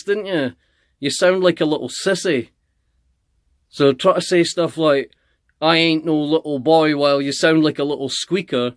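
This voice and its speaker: A man's voice: fairly high pitch, no echo, clean studio sound. A man ranting angrily to camera, heated and confrontational, repeating himself as he complains. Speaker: channel host. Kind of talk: angry ranting vlog.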